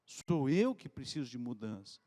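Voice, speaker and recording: A man preaching a sermon in a conversational, animated storytelling way, from Brazil. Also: mid-range voice, normal speed, in a large hall. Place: church hall.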